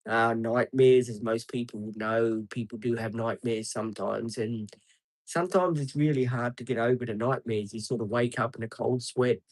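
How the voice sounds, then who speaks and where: A chatty man in his fifties rambles through a casual live stream, pausing on frequent ums and answering viewers by name. His voice sits at an ordinary middle pitch and sounds dry and close, with no room echo. He is outdoors beside traffic. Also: steady tone. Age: 50s.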